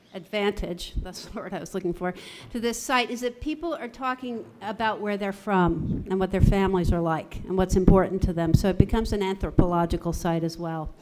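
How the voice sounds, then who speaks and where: A woman's voice: medium pitch, a little mellow. A woman theatre professor giving a conference presentation, conversational and enthusiastic, often correcting herself as she goes.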